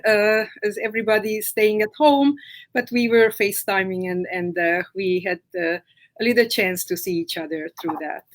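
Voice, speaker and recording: Speaking in a mid-range voice, a middle-aged woman from Romania, a native Hungarian speaker, describes her therapy work as a guest on a live video call. She's patient and slow, leaning heavily on fillers.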